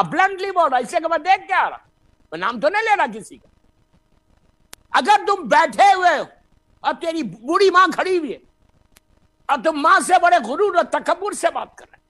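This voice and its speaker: A man giving an impassioned sermon as a cleric, slipping in English phrases and breaking into shouts. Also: very high voice.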